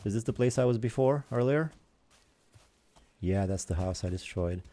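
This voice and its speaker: A man's voice: lowish voice, normal speed, dark tone. A young man hosting a gaming channel, rambling in casual chatter as he plays and comments on other games.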